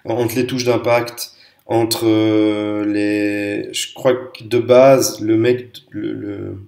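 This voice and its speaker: A man giving a casual spoken review of tabletop wargame units, pausing often with fillers and restarts and sharing strong opinions. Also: on the low side, level tone, vocal fry, a little mellow. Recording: echoey room.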